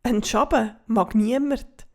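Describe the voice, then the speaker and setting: A woman's voice: on the high side, takes it slowly, a little mellow. A woman with a Swiss German accent voicing a friendly blueberry fairy who asks puzzled questions.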